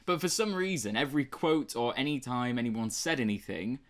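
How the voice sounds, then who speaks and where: A young British man, co-host of a book review podcast, speaks briskly in an animated, mid-range voice that's a bit bright. He rambles casually, often using fillers and starting sentences over.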